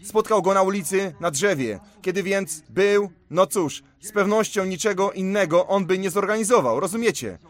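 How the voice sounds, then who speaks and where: A man's voice: high voice, moderate pace, hardly any pauses. A man preaching a sermon, retelling stories with emphatic, storytelling delivery.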